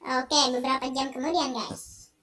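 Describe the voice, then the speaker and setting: An excitable gaming host with a high voice comments on a game, often bursting into startled exclamations. The delivery is quick and reactive.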